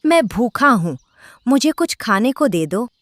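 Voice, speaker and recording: A woman's voice: a little high, sing-song, unhurried, no room sound, studio quality. Woman voicing an insistent, swooping cartoon crow. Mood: hungry pleading. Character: hungry, envious, scheming male crow. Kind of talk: children's cartoon story acting.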